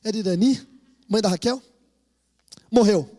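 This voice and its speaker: A Brazilian pastor delivers a lively sermon in a strikingly high voice for a man, with a Brazilian Portuguese accent. He tells animated stories and urges the congregation to call out with him. His words ring through a church hall with a long, trailing reverb. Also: unhurried. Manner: animated storytelling, rousing the congregation to repeat after him.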